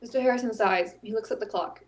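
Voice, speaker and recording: A woman reading the scene narration of an audio drama in a plain, even way. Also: a little high, quick pace.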